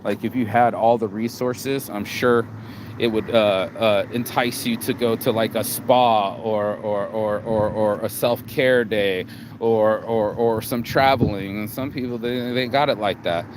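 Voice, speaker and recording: A man's voice: on the low side, steady tone, unhurried. A tired man from Las Vegas, vlogging in a casual, rambling monologue with profanity and many restarts and repeated words. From Las Vegas, USA. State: tired, low energy. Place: outdoors in a city. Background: street and traffic noise.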